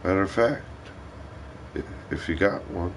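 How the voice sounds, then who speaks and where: Rambling low-voiced man on a livestream. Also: normal speed, creaky, slight background noise. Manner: rambling, profane storytelling. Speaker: livestream host. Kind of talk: casual livestream chat.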